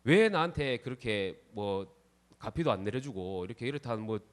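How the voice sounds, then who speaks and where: A man's voice: on the low side, lively intonation, normal speed, close to an everyday voice. A man, a monk telling a story in a sermon, voicing an anxious, desperate village wife who pleads and laments. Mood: distraught.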